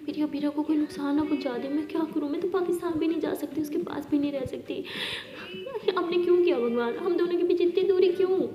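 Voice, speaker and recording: A woman's voice: high voice, quick pace, reverberant, long reverb tail, lo-fi sound, voice pushed up, natural voice. A woman voicing an anxious young woman who fears for her faraway girlfriend, speaking in a fretful, pleading way. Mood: anguished.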